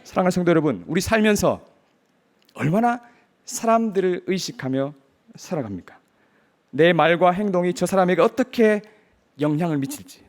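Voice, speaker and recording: A man's voice: sits high, animated, normal speed, pauses often. A male pastor delivering a Sunday sermon, earnest and full of rhetorical questions to the congregation.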